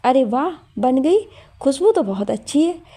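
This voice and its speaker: A woman voicing an older, affectionate neighbour lady who talks gently and hospitably, in a storybook reading. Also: high voice, animated, a little slow. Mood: delighted.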